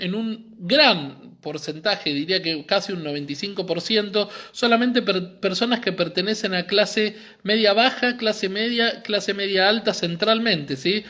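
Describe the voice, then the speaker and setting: With a high, bright and forceful voice, a community library speaker with an Argentine Spanish accent gives an earnest, explanatory live-streamed talk. He checks in with his listeners often.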